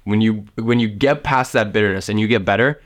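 A man's voice: lowish voice, brisk. A young man in his late teens from the south of Russia, giving casual motivational advice to camera, rambling and swearing often. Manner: rambling, swears often, heavy use of fillers. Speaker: vlogger giving life advice.

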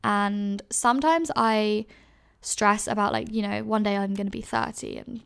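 A woman's voice: mid-range voice, fairly even intonation, normal speed, vocal fry, fairly bright tone, clear, resonant tone. A woman in her twenties hosting a podcast, giving casual advice in a chatty way, full of fillers and self-corrections. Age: 20s. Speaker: podcast host.

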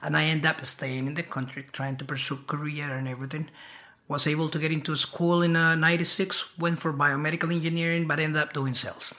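A man's voice: a little high, level tone, a little fast, pushed and bright. A man from Colombia with a Spanish accent, a guest telling his background in a casual interview, hesitant, with many fillers.

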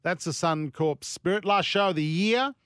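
Male Australian sports host, casual and emphatic, fairly high pitch, close dry studio. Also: normal speed, a bit bright, clear, resonant tone, no echo. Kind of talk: casual sports radio chat.

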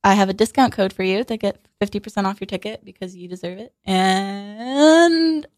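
A woman in her twenties chatting as a guest in a radio studio interview, sarcastic and quick to laugh, with lots of "like" fillers. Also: mid-range voice, steady tone, a little mellow, no room sound. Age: 20s. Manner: chatty and sarcastic, laughs often, heavy use of "like". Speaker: guest musician. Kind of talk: casual interview chat. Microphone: studio mic.

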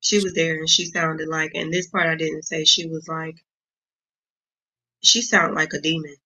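A woman speaking as an interview guest, telling her story haltingly with many pauses and ums. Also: deep voice, flat delivery, pushed and bright, poor audio. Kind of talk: casual interview talk.

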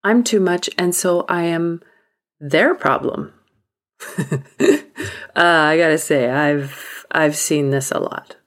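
A woman hosting a podcast, speaking a reflective monologue in a deliberate, emphatic way that sometimes drops to a whisper. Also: sits low. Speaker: podcast host.

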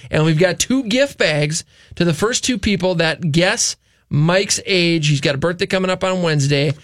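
A man hosting a live call-in radio show, talking fast with frequent restarts and fillers. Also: high voice, fairly bright tone, no room sound, clean studio sound.

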